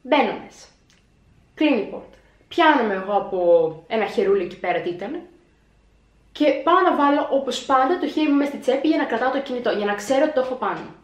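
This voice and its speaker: Young woman vlogger, high-ish voice, lively storytelling, echoey home room. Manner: animated retelling, acting out her own panic. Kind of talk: storytelling vlog.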